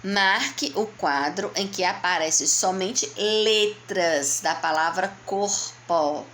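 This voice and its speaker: A woman with a Brazilian Portuguese accent, a primary school teacher going slowly and patiently through a workbook for young children, asking and answering her own questions. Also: medium pitch, a bit bright, slight background noise. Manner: patient, slow, explaining step by step to young children. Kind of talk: remote lesson walking through a workbook.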